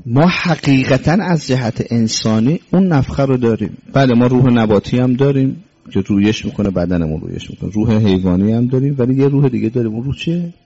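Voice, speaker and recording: A man's voice: mid-range voice, mellow, slightly rough, faint music behind. A man preaching a religious sermon, quoting Arabic scripture and then explaining it, repeating his key words and asking rhetorical questions, sometimes sternly scolding. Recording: dull lo-fi recording.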